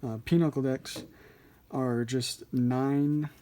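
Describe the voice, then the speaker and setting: Mellow-voiced man giving a casual tutorial. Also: mid-range voice, fairly even intonation, takes it slowly. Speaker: card trick instructor.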